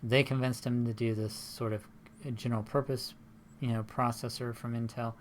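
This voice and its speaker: A man's voice: mid-range voice, little pitch movement, moderate pace, slight background noise. A man giving a recorded university lecture in a rambling, conversational way, often checking in with tag questions.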